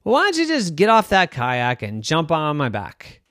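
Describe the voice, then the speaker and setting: A man voicing a friendly, chatty male walrus in a bedtime story, talking in a high, bouncy, cheerful voice. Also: huge pitch swings, moderate pace, fairly bright tone, no room sound, studio quality.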